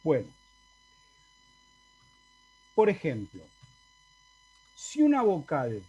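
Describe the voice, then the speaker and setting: Over a video call, an Argentine man teaches a university Latin class, explaining each step and often checking in with his students. His voice is high-pitched and warm, a little rough, with huge swings in pitch, and he speaks extremely slowly.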